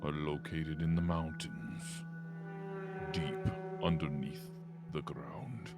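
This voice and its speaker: A man voicing an ancient, eyeless male time dragon through a voice changer that shifts his voice very deep; he speaks slowly and solemnly. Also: fairly even intonation, over loud music. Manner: slow, solemn, measured. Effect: deep pitch-shifting voice changer. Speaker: game master. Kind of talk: voicing a figure in a tabletop game.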